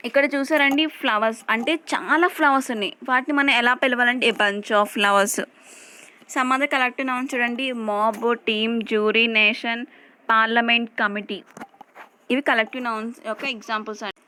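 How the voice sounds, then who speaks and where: A woman with a Telugu accent teaching English grammar, reading English definitions slowly and explaining them in Telugu. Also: on the high side, fairly even intonation, bright, forceful tone, slight background noise, rough recording. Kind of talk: explanatory lesson over slides.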